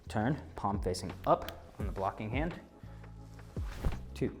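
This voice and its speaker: A man's voice: fairly low pitch, lively intonation, normal speed, over music. A man teaching a martial arts class as instructor, giving short, clipped counts and commands and explanations of drills. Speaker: taekwondo instructor.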